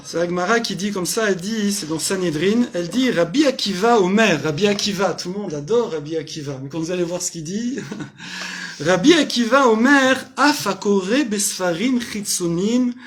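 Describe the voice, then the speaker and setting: A man's voice: high voice, fairly bright tone. A man giving a casual, joking Torah class to a group, quizzing them and translating Hebrew terms as he goes. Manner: casual, jokey, asks the audience questions. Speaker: Torah teacher. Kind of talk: lively informal Torah class. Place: small community centre hall.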